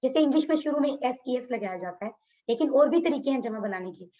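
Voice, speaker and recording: A woman teaches a Quran class online over a video call, patiently explaining words and putting questions to her students. Her high, warm voice has lively intonation and a quick pace. The audio has its highs cut off.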